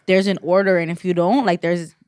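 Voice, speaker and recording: A woman's voice: lowish voice, flat delivery, brisk, a little mellow, clean tone, no echo, clean studio sound. A woman co-hosting a podcast in casual chat, rambling with lots of "like" fillers and restarts. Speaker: podcast co-host.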